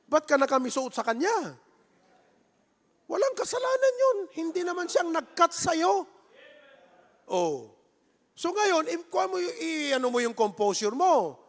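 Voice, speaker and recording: A man with a Filipino accent, a pastor who preaches in a lively, conversational way and jokes with his congregation. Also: extremely high pitch, a little slow, long pauses. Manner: playful, jokes with the congregation and acts out little scenes. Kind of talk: sermon. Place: church sanctuary. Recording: echoey church hall.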